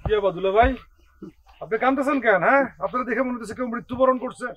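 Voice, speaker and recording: A young actor playing a cheeky, teasing brother-in-law in a TV drama. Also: male voice, very high-pitched, racing, fairly bright tone, muffled recording, slight background noise. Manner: teasing, sarcastic. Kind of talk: TV drama acting.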